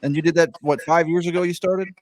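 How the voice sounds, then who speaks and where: A man in his fifties hosting a casual podcast interview, joking and asking quick questions. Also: fairly high pitch, steady tone. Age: 50s. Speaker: podcast host.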